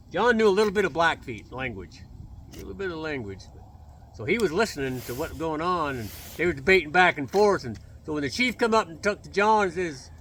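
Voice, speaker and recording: A man's voice: fairly high pitch, a bit bright. A man telling a tale fireside style, in casual, folksy, unscripted speech with a partner. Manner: fireside storytelling, folksy and colloquial. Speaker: storyteller.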